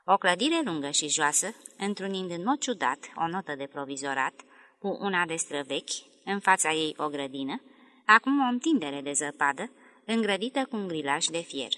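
A woman reads a classic novel aloud in a measured, expressive way. Her voice is fairly low yet bright in tone. Her intonation moves widely. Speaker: audiobook narrator. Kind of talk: literary audiobook narration.

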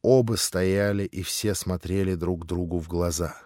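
A male audiobook narrator reads a classic novel in a measured, dramatic style. His voice sits rather low. The studio recording is dry and close to the microphone. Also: fairly even intonation, a little mellow, dry recording.

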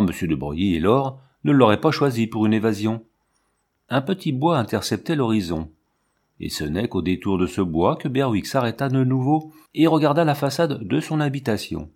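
A man at medium pitch narrates a classic novel as an audiobook, keeping his storytelling measured and even.

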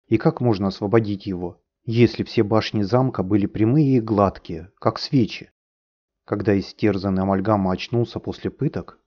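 A man narrating a fairy tale in a theatrical, vivid reading. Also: lowish voice. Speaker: audiobook narrator. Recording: dull lo-fi recording.

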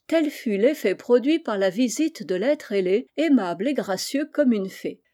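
A woman reading a storybook aloud as an audiobook narrator, measured and expressive. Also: on the high side. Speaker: audiobook reader.

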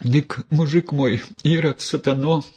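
A man's voice: on the high side, steady tone, unhurried, darkish tone, breathy edge, voice pushed up. A man voicing a pleading, wailing peasant woman who stammers and speaks in rustic dialect. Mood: anxious confession.

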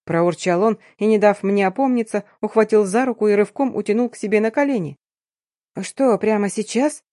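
Expressive woman reading an audiobook. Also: mid-range voice, a little fast, dry recording, clean studio sound. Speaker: narrator. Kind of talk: first-person audiobook narration.

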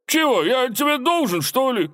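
A man voicing a boastful, toothless old male forest robber in a storybook, squeaky and quick to take offense. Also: lively intonation, natural voice. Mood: indignant. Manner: squeaky, petulant, easily offended. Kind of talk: storybook character voice.

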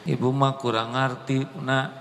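A man's voice: mid-range voice, little pitch movement, a little slow, gravelly, a bit bright, a little hiss or hum. A man voicing a kindly, puzzled female schoolteacher. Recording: echoey hall, faint ambience.

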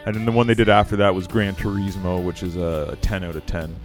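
Low-voiced man gushing about music. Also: flat delivery, fairly quick. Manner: enthusiastic, swearing, rambling. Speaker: music podcast co-host. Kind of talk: casual chat.

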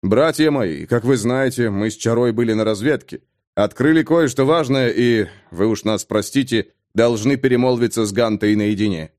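A man voicing a calm young male warrior in an audiobook, measured and controlled, speaking in a formal, steady way. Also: mid-range voice, no room sound, clean studio sound, close to an everyday voice. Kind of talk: audiobook character voice.

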